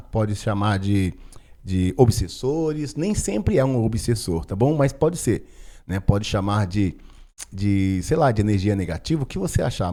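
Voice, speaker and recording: A man's voice: mid-range voice, mellow. A male pastor, teaching on spiritual matters in a casual, conversational way, often tagging his sentences with "né?" and "tá?". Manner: conversational, frequent "né?" and "tá?" tags. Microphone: microphone in front of him.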